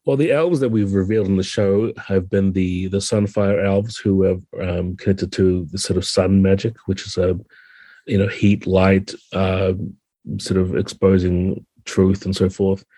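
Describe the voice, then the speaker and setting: A game designer appears as a podcast guest, explaining things thoughtfully and conversationally in a low, mellow voice with a husky grain. His intonation is fairly even and his pace a little slow, and the recording is close and dry.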